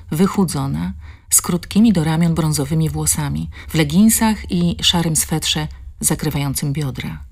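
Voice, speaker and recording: A woman narrating an audiobook in a measured, expressive reading. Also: deep voice, breathy edge. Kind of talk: scripted narration.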